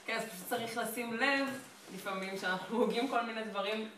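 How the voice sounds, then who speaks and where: A woman's voice: on the high side, a bit bright, far from the mic, slight background noise. Woman teacher, echoey classroom from afar. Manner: patient step-by-step explaining. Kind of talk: classroom grammar lesson.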